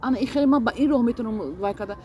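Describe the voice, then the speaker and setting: A woman's voice: on the high side, a little mellow, muffled recording. A woman, a guest in a casual interview, talking earnestly and hesitantly with many fillers and restarts.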